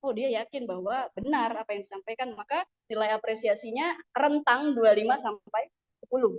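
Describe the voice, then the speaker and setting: A woman's voice: on the high side, fairly quick, highs cut off. A woman teaching an Arabic class, patiently explaining the rules and modelling pronunciation. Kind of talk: classroom instruction.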